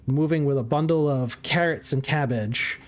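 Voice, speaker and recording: A game master improvising descriptive tabletop narration in a halting, conversational way. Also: mid-range voice.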